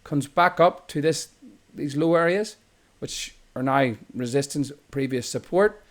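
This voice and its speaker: A man's voice: on the high side, measured pace. Irish man explaining charts, self-correcting. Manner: loose and explanatory, often correcting himself mid-sentence. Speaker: trading instructor. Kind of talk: screen-recorded chart tutorial.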